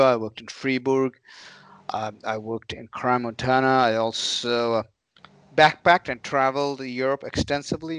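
A middle-aged man from India co-hosting a podcast, rambling with lots of filler pauses. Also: medium pitch, fairly bright tone, smooth, no echo. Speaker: podcast co-host. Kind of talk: casual podcast chat.

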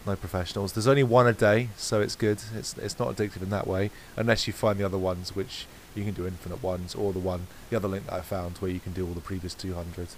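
Low-voiced man chatting casually, faint hiss. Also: fast talker, few pauses, poor audio. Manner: rambling, self-correcting, relaxed. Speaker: podcast co-host. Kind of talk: casual chat.

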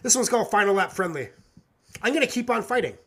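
A man's voice: high-pitched, expressive, fast, a bit bright. A man hosting a live music reaction stream, chatting casually in a rambling, laid-back way and swearing constantly. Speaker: podcast host reacting to music.

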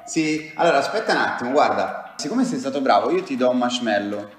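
Low-voiced playful woman, very echoey room. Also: brisk. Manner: teasing, encouraging, lively. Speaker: interviewer of children. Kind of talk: playful questioning of a child. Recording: very echoey room with faint music.

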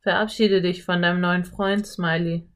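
Cowboy man, friendly, relaxed drawl, lower pitch, audiobook, read by a woman. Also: moderate pace, close to an everyday voice. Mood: hearty. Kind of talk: audiobook character voice.

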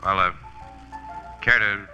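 Casey, bright breezy American radio photographer. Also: male voice, lowish voice, fairly even intonation, slow pace, full character voice. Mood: coaxing. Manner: breezy, wry, teasing banter. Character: flirtatious, teasing crime photographer, a confident man. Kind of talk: 1940s radio drama acting. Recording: dull vintage radio recording, faint music.

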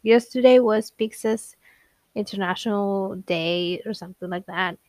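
A young woman runs her own show and speaks solo, casually and frankly, slipping from topic to topic while laughing a lot and teasing herself. The voice is mid-range, unhurried and slightly mellow, and the recording has no room sound.

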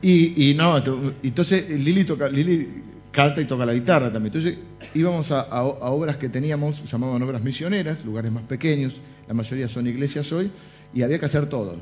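Preaching in church, this middle-aged Rioplatense Spanish speaker delivers humorous stories animatedly, slipping in jokes and asides. His voice sits at medium pitch and moves a little fast, captured in dull lo-fi sound with faint music underneath.

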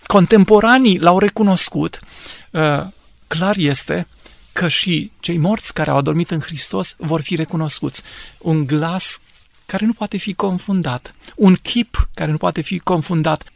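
A man speaking as a pastor, giving earnest, measured biblical teaching in answer to questions. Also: high voice, vocal fry, no echo.

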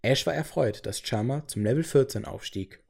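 A man's voice: mid-range voice, normal speed, creaky, darkish tone, husky. A man reading a game storybook chapter aloud as the narrator.

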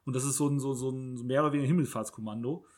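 A man's voice: mid-range voice, rapid-fire, darkish tone. A man hosting a casual podcast chat who often restarts and repeats words.

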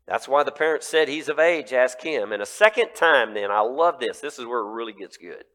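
A male pastor preaching a sermon in a lively, conversational way, full of rhetorical questions. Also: medium pitch, brisk.

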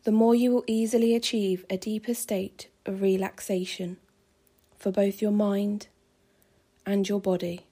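A woman calmly guiding a pregnancy relaxation meditation with slow, soothing, measured phrasing. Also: medium pitch, slightly rough. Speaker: meditation guide.

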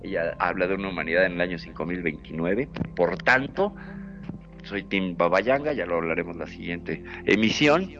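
Guy w northern mexican accent, lowish voice, joking around on a radio show, music behind him. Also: expressive, normal speed. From Sonora, Mexico. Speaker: radio co-host. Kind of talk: casual live radio chat. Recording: muffled lo-fi online radio with background music.

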